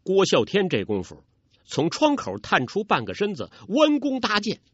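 Male storyteller, dramatic and lively, husky edge, dry dull studio sound. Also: sits high, normal speed, no room sound. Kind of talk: traditional storytelling narration.

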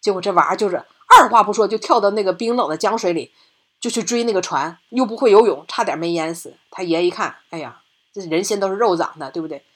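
A woman's voice: mid-range voice, quick pace. A woman hosting a podcast, animatedly retelling a film plot in casual storytelling and often checking in with her listener. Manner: animated, chatty, asks "对吧?" often. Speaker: podcast host.

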